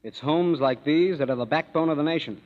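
In a 1930s radio play, an actor portrays a cynical young musician in his twenties who fires off dry, sarcastic wisecracks in a sardonic mood. The voice is fairly high, brisk, and lightly acted. It sounds like a dull old radio broadcast, with long hall reverb and music behind.

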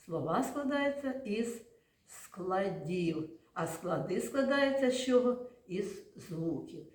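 A woman teacher speaks slowly and patiently to a class of young children, coaxing answers and praising them often. Her voice rings with the echo of a classroom. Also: lowish voice. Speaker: primary school teacher. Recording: echoey classroom.

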